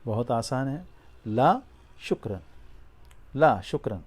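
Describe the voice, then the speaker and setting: A man teaching spoken Arabic, giving prompts, then saying each phrase slowly and asking the listener to repeat it. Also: mid-range voice, expressive, darkish tone, slightly rough. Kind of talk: spoken language drill lesson.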